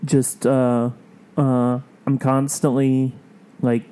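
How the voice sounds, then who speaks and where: Male podcast co-host, young adult, dark mellow voice, rambling sarcastic venting. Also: mid-range voice, flat delivery, drawn-out words, smooth. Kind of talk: casual comedy podcast chat.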